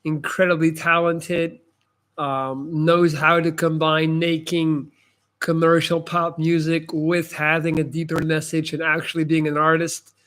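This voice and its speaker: Slightly slow and monotone, with a bit of brightness and a somewhat high pitch, this livestream host chats casually while answering comments and offering advice. He's Belgian, a native Dutch speaker whose accent sounds American, and he talks informally and emphatically with slangy asides.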